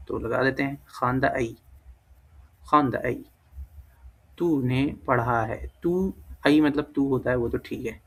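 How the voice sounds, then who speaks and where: A man's voice: mid-range voice, vocal fry, husky. A man giving a casual language lesson, thinking aloud and correcting himself as he goes. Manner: thinks aloud, self-correcting, many fillers. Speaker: language teacher. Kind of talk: casual screen-recorded lesson.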